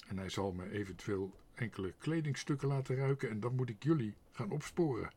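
A man voicing a stern, officious police dog in a storybook, breathy and fumbling for formal words. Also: mid-range voice, fairly quick, darkish tone, lightly acted. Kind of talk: storybook reading.

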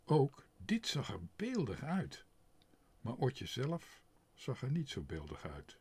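A man narrating a children's storybook aloud in an expressive, unhurried way. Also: medium pitch, breathy edge. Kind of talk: storybook reading.

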